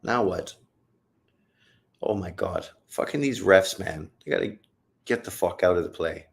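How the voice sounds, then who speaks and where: Unhurried and gravelly, a deep-voiced man provides loose live commentary on a bout, cursing freely and cracking jokes between punches. He's an adult, old enough to say he got old, and his low voice stays casual and blunt as he shouts encouragement to the fighters and reads viewers' questions aloud on his livestream.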